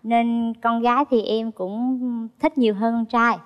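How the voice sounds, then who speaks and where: A woman's voice: fairly high pitch, fairly even intonation, measured pace. A woman from Phan Thiet, a dating show contestant, chatty and a little nervous. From Phan Thiet, Vietnam. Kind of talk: casual conversation. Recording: reverberant TV studio with music.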